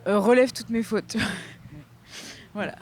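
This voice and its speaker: A woman's voice: medium pitch, slow, slight background noise. Chatty young woman outdoors. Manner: chatty, laughs often, trailing filler-heavy talk. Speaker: podcast co-host. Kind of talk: casual chat. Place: outdoors by a river, windy.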